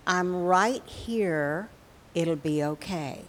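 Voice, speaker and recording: A woman voicing a gentle father who comforts his daughter in a soft, slow, soothing voice. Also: lowish voice, a little hiss or hum.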